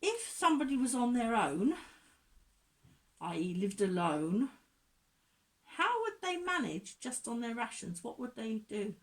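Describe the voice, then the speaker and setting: A woman's voice: a little high, very animated, a little slow, pauses often. Woman interviewer with a casual, hesitant manner.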